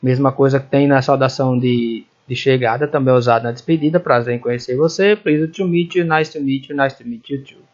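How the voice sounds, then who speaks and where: A man with a Brazilian Portuguese accent teaching an English lesson, explaining slowly and repeating phrases as he checks that the students follow. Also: mid-range voice, fairly even intonation, darkish tone, dull audio. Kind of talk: recorded classroom lesson.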